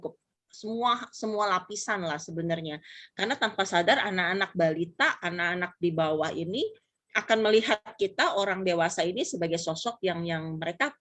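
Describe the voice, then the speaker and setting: A middle-aged woman talking casually about raising children, explaining patiently and acting out lively little quotes. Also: lowish voice. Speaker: pastor's wife and mother, guest. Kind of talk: casual church talk.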